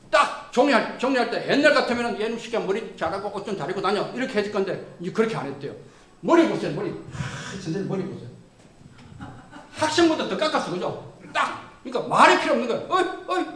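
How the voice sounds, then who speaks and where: Male lecturer, high and animated, acting out quotes in his stories, echoey lecture room. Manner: lively, acts out quoted people. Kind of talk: storytelling lecture.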